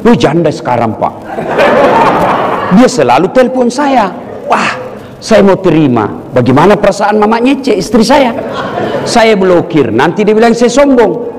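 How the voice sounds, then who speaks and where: Lively joking man preaching in echoey hall. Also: a little slow, pauses often. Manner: animated storytelling, jumps to high pitch in jokes. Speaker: Islamic preacher. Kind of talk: humorous sermon to an audience. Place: large hall with live audience. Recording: echoey hall with faint ambience.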